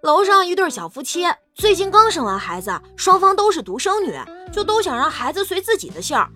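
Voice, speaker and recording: Lively, bright woman reading jokes. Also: very high voice, fairly quick, soft background music. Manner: lively, expressive storytelling. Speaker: podcast co-host. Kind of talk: reading comic sketches.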